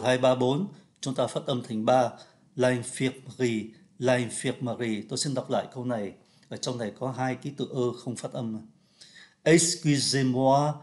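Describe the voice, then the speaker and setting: A man from Vietnam teaching French pronunciation. He reads phrases slowly and clearly, then explains them quickly in a chatty way. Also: medium pitch, darkish tone. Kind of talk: pronunciation lesson.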